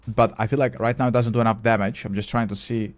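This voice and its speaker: A fast-talking man with a lowish voice and flat delivery streams a game live. He chats casually, replies to viewer chat while playing, thinks aloud, and occasionally swears.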